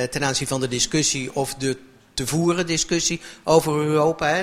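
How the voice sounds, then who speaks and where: A man moderating a political panel debate, pausing often with filler sounds as he frames his questions. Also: medium pitch, a bit bright. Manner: hesitant, many filler sounds.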